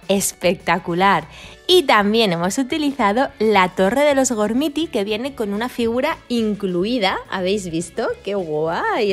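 High-voiced woman telling kids a toy story. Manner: bright, speaking to children. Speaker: children's toy channel host.

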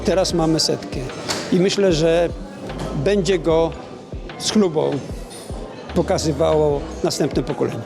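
A man's voice: a little high, measured pace, creaky, pauses often, music in the background. A man giving informal interview remarks.

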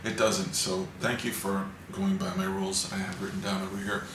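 Lounging on a couch with a friend, this forties-aged co-host teases dryly and reads ads aloud in a casual chat. His voice is bright and a bit sharp yet fairly low, very animated, at a moderate pace with vocal fry. The camera sits a few feet off, so he sounds far away in an echoey living room with faint hiss.

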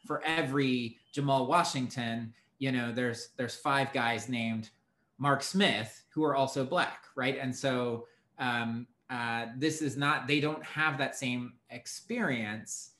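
A man in his thirties speaking on an academic panel from a home office over a video call, measured and hedging as he explains his research. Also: mid-range voice, fairly bright tone, rough recording. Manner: measured, hedging with many fillers and restarts. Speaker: panelist, sociologist.

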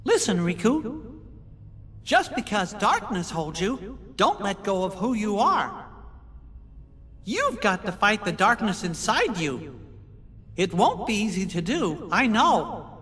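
A man voicing a small, kindly cartoon mouse king in a video game, earnest and encouraging, in a squeaky falsetto. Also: big pitch swings, slow pace, long pauses, a bit bright, heavily acted. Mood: earnest, reassuring. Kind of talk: video game cutscene acting. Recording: long hall reverb.

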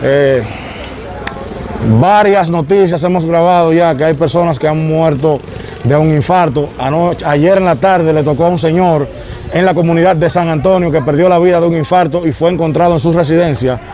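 Energetic Dominican street reporter outdoors. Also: male voice, on the high side, moderate pace, slight background noise. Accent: Dominican Spanish. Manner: energetic, addresses viewers directly. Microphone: lapel mic.

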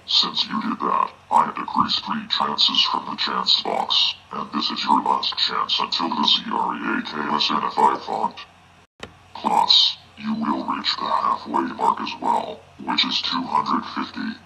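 A very deep, gravelly robotic evil entity. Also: male voice, a little slow, bright, forceful tone, exaggerated voice, poor audio. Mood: threatening. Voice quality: synthetic robotic voice. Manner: threatening, announces penalties. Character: menacing robotic error entity in evil mode.

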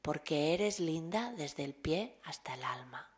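A woman voicing a calm middle-aged male teacher facing death, speaking softly and tenderly. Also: sits low, measured pace.

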